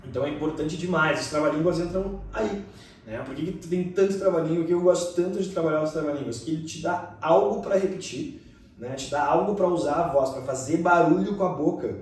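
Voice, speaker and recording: A man's voice: on the high side, darkish tone. A man, an English pronunciation teacher, chatting casually and often tagging sentences with questions. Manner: fast-talking, many tag questions. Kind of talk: casual conversation. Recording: echoey room from a distance.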